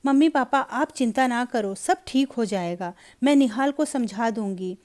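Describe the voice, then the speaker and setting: A woman's voice: on the high side, expressive, unhurried, darkish tone. A woman voicing an anxious, insistent young married woman in a Hindi storybook reading. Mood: worried.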